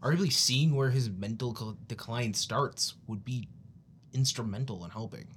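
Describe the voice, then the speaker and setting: A man's voice: medium pitch, normal speed. A man casually playing a tabletop role-playing game and narrating his character in a mild, hesitant way. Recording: clearly noisy room recording.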